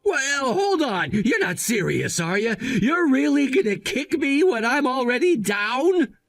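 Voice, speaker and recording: A man's voice: extremely high pitch, very animated, a little slow, faint music behind, exaggerated voice. A man playing a disgraced, self-pitying husband in a dramatized story, whiny, defensive and desperate. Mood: panicked.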